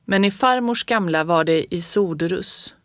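A woman reading a children's storybook aloud in a calm, even storytelling voice. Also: fairly low pitch, dry recording, clean studio sound.

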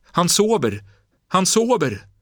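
A man's voice: lowish voice, lively intonation, a bit bright, no echo, studio quality, voice pushed up. A man reading aloud and voicing a frightened young boy who cries out urgently to his grandmother in a storybook. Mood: jubilant. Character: frightened young boy, desperate then overjoyed.

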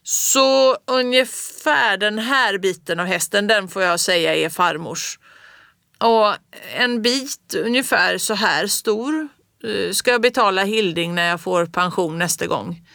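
A woman voicing a kindly old rural grandfather who talks slowly and plainly. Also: mid-range voice, gravelly, bright, forceful tone, dry recording, studio quality. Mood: gentle. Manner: slow, homely, plain-spoken.

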